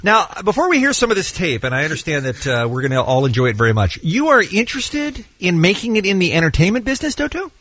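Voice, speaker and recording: A man's voice: high voice, very animated, fast, hardly any pauses, fairly bright tone, dry recording. A man hosting a radio show in casual banter with callers.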